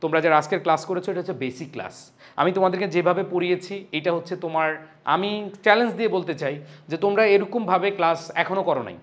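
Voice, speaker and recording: A man's voice: high-pitched, fast talker, fairly bright tone. A young man with a Bangladeshi accent teaching an exam-prep English lesson, putting questions to students and answering them himself with emphasis.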